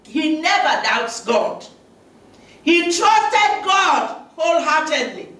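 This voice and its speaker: A woman preacher leads a sermon at an unhurried, deliberate pace and calls out for amens. Her voice is high and bright. It reaches the mic from far off in a booming, echoey hall with faint background noise. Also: big pitch swings. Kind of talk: sermon with congregation call-and-response.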